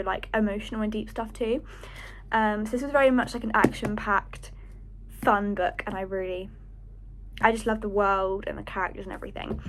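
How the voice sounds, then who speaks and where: A woman's voice: medium pitch, a little hiss or hum. A young woman vlogging casually about books, chatty and emotional, sometimes whispering from her bedroom. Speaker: book vlogger. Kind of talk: casual reading vlog. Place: bedroom at night.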